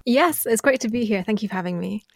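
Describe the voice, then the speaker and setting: A woman in her thirties speaks as a guest journalist in an interview. She is articulate and stumbles lightly now and then. Her pitch is mid-range, and the sound is dry and close to the mic. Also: quick pace, vocal fry, no echo. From born in China, raised in the UK. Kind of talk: interview conversation.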